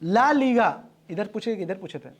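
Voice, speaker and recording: High-pitched guy teaching a class, fires off quiz questions and calls on students quick. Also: animated. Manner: brisk, repeats answers back, jokes with class.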